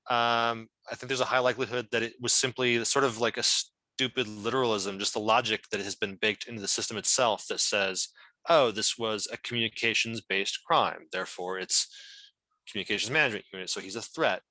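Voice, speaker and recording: As a guest at an online meeting, this member of a whistleblower's legal team explains matters in a thoughtful way, frequently hunting for the right words. He has a lowish voice with a sharp tone; there's no room sound, but the recording quality is low.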